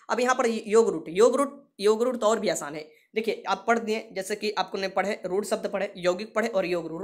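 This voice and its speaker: A woman teacher giving an exam-prep grammar lesson, repeating key terms and asking her students questions. She drops English words into her explanation. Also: a little high.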